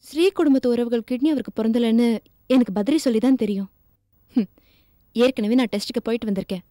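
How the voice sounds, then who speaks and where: A woman's voice: on the high side, quick pace, mellow, no echo, clean studio sound, lightly acted. An actress playing a devoted young woman firmly standing by her decision, in a TV serial. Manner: earnest and determined. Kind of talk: TV serial acting.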